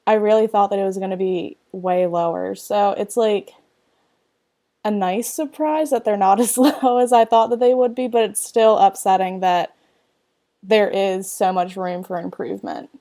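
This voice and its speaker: A woman with a mellow, warm tone speaks candidly in a casual discussion. She talks loosely and leans on "like" as she goes. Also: medium pitch, steady tone, a little slow. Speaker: discussion participant.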